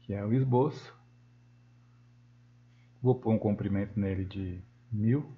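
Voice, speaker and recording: A Brazilian man with a Brazilian Portuguese accent gives a screen-recorded software tutorial, thinking aloud as he works and correcting himself often. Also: lowish voice, measured pace. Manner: thinks aloud while working, with frequent self-corrections. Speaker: software instructor. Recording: dull lo-fi sound.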